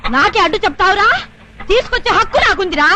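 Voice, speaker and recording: A woman's voice: very high voice, lively intonation, quick pace, exaggerated voice. An actress playing a brash village woman who scolds and curses at people in a film scene with music behind her. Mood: furious. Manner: scolding, cursing. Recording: film soundtrack with loud music.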